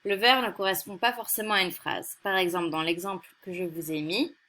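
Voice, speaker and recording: A woman teaching a recorded lesson on poetry, explaining carefully and reading example verses slowly and softly. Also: on the low side, steady tone, a little hiss or hum. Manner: slow, deliberate, careful explanation. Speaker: French teacher.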